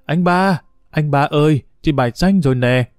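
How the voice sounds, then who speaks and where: A man's voice: medium pitch, expressive, quick pace, warm tone, no echo, studio quality, soft background music, close to an everyday voice. A man voicing a frightened young village girl who calls and pleads urgently. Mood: frantic.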